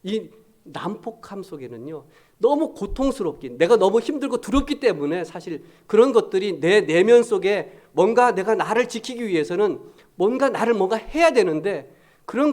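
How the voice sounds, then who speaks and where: A man preaching a Sunday sermon in a conversational way, alternately rising with emphasis and dropping to a soft, low voice. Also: big pitch swings, moderate pace. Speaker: pastor.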